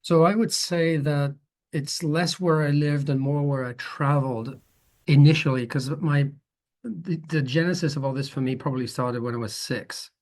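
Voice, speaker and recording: A guest photographer in his fifties from the Netherlands chats at length during a relaxed interview. His voice sits on the high side and moves at a moderate pace, thoughtful and rambling, with frequent restarts.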